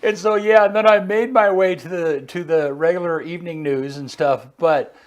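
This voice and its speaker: A man's voice: a little high, steady tone, normal speed. A male talk show host chatting casually with his guest, laughing easily and adding his own stories. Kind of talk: casual interview chat.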